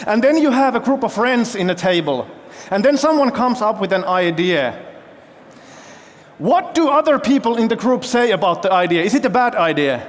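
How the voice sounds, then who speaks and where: A man from Finland, a CEO giving a keynote talk on a festival stage and telling his story while quizzing the audience with show-of-hands questions. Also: high-pitched. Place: large festival hall stage. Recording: long hall reverb.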